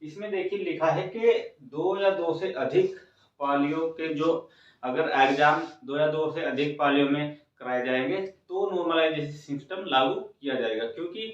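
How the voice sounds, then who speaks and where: An exam coaching host, a man with a fairly high voice at normal speed, gives students an informal, instructive explainer and repeats phrases for emphasis. The room is very echoey, the mic distant, and the sound dull.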